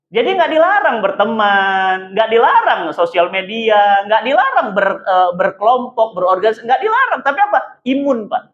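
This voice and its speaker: A man's voice: high voice, very animated, moderate pace, few pauses. A male preacher delivers a sermon, throwing out questions and answering them at once. The sound is dull and the big room echoes around him. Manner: emphatic, asks rhetorical questions and answers them himself; keeps addressing listeners as "Pak". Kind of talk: lively sermon to a congregation. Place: mosque hall.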